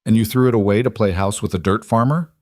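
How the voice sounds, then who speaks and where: Cold disdainful tycoon father, sixty, voiced by a male narrator, low and dry. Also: quick pace, darkish tone, no echo, lightly acted. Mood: scornful. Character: cold wealthy Italian-born father, about sixty. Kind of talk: audiobook character voice.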